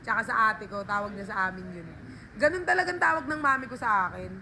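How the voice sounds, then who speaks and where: A woman's voice: fairly high pitch, lively intonation, quick pace, pushed and bright, slight background noise, rough recording. A woman telling a rambling story on a casual livestream, talking into a phone and calling her viewers guys and be.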